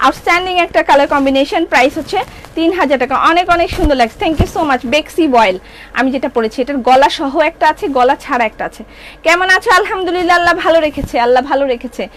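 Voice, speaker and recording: A middle-aged woman with a Bangladeshi accent, running a live clothing sales stream, talking fast and playfully while reading viewer comments. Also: sits high, fairly bright tone. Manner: fast, chatty, playful, reads comments aloud. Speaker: shop owner selling clothes on a live stream.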